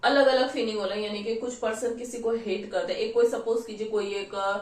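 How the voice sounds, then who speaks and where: A woman's voice: a little high, steady tone, a little fast. Indian woman teacher, chatty and repetitive explainer, recorded from a distance in an echoey room. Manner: repeats "thik hai", asks and answers her own questions. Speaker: English vocabulary teacher. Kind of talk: explaining exam vocabulary questions in a casual class.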